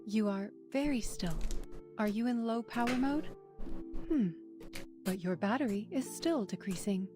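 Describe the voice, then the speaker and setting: An actress voicing a composed, inquisitive female game character in a measured, deadpan way. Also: fairly high pitch, music in the background, close to an everyday voice. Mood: composed, curious. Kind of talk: scripted game voice acting.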